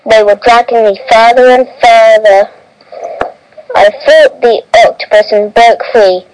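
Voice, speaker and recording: A woman reading a first-person adventure story aloud, halting often and correcting herself as she goes. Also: on the high side, fairly even intonation, darkish tone, slight background noise, rough recording. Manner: halting reading with frequent restarts and self-corrections.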